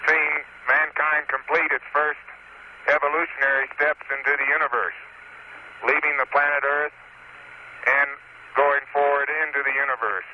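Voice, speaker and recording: An astronaut's voice comes through a crackly space radio link, muffled and dull with a faint hiss behind it. He speaks in a measured, solemn way, as if giving a formal address. His pitch sits a little above the usual for a man. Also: level tone. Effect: crackly space radio transmission. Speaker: astronaut on the lunar surface.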